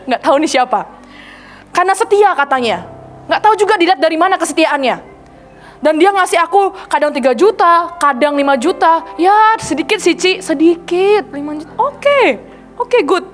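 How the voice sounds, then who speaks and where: A woman evangelist preaching a sermon, retelling testimonies and acting out the people she quotes in a lively way. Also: very high-pitched.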